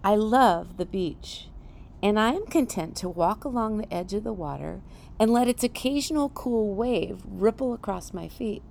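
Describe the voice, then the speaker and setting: A woman giving a devotional Bible teaching, animated, asking rhetorical questions and laughing lightly as she reads the story. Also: medium pitch, moderate pace, gravelly, a little hiss or hum.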